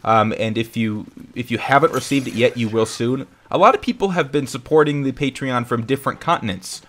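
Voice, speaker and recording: A man's voice: mid-range voice, a little fast, fairly bright tone. A young man hosting a casual live stream, talking in an upbeat, rambling way that often corrects itself. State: hiccuping.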